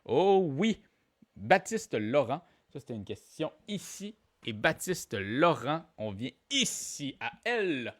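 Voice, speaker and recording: A man's voice: a little high, big pitch swings, slow pace. A man with a Québécois accent hosting a live online trivia game, playful and joking, repeating each question aloud and calling out players. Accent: Québécois French. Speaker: trivia quiz host.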